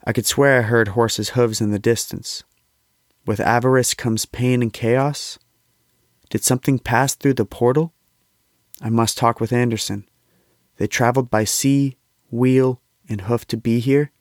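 A man's voice: mid-range voice, steady tone, unhurried, no echo, clean studio sound, natural voice. A man playing an earnest, haunted visionary in an audio drama, speaking with solemn intensity and formal diction. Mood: haunted, urgent. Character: earnest, haunted young male visionary, convinced of destiny.

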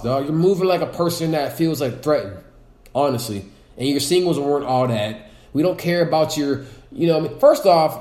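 Blunt, animated man in an echoey room. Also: a little high. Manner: animated, blunt, swearing freely. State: sore throat. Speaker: podcast co-host. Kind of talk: casual chat.

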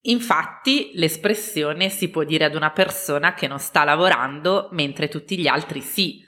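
An Italian woman co-hosting an educational podcast for language learners, speaking in scripted dialogue with clear, didactic phrasing. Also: low voice, measured pace, sharp tone. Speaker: podcast co-host.

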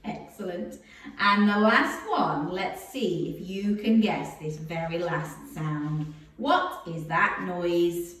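A woman's voice: on the low side, slow pace, a bit bright, a little hiss or hum. Echoey woman talking as if to a toddler. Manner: sing-song, exaggerated, as if reading to a toddler; encouraging, asks simple questions directly to the listener. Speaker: children's storyteller and game leader. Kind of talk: reading and playing games with toddlers. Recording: echoey room, distant microphone.

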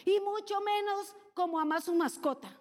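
A woman preaching a sermon, animated and playful, with lively asides and mimicry. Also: very high voice, moderate pace, in a large hall.

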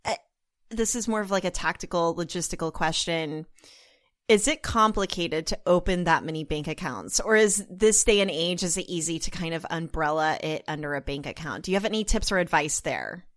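Woman co-host, low voice. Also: brisk, no room sound, studio quality. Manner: friendly, asks practical questions. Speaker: podcast co-host. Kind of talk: podcast interview.

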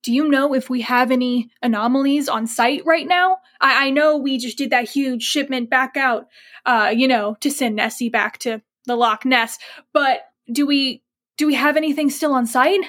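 A woman voicing a focused young male agent who asks brisk, businesslike questions. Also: sits high, a bit bright.

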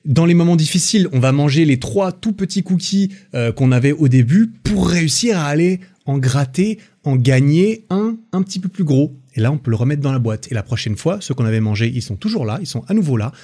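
A man's voice: fairly high pitch, expressive, a little fast, hardly any pauses, mellow, slightly rough. A man hosting a solo podcast, talking informally with slang, frequent restarts and fillers. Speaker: podcast host. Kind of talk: casual solo podcast monologue.

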